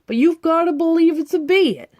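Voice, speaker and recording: A woman's voice: very high-pitched, brisk, a little mellow, dry recording, voice pushed up. A woman voicing a pompous male hedgehog director in a storybook, theatrical and lecturing. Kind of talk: storybook reading.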